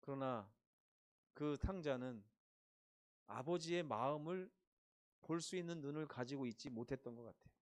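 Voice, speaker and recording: A pastor over fifty preaching a sermon, acting out quotes with dramatic rises and drops in loudness. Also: male voice, expressive, normal speed, long pauses. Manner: dramatic, acts out quotes with big swings in pitch and loudness.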